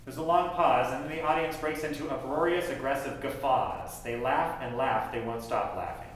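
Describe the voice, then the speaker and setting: A man reads stage directions in a plain, steady manner at a table read. His voice is mid-pitched. It sounds far off in an echoey room with faint background noise. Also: moderate pace.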